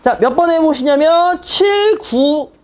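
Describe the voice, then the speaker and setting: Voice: sits high, expressive, slow pace. A math teacher in their thirties giving a casual classroom lecture, blunt and teasing with the students.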